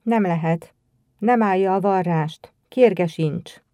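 Gruff old shoemaker, curt and grumbling, read by a woman in a mellow, dry voice. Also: on the low side, no room sound, lightly acted.

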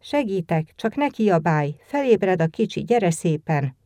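A woman's voice: lowish voice, big pitch swings, warm tone, no echo, studio quality. A woman doing a pleading, tearful little girl. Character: little girl playing a frightened, pleading wife.

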